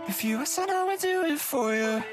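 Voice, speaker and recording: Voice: sits high, expressive, fairly quick. A singer's vocals on a recorded album track, with formant shifting, autotune and delay between the phrases. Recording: singing over loud backing music.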